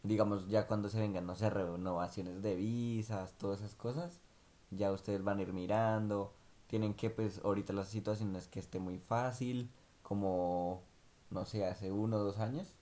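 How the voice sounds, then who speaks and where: Mellow low-voiced man, rambling. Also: normal speed. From Colombia. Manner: relaxed, rambling with many fillers. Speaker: vlog co-host. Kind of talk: casual chat.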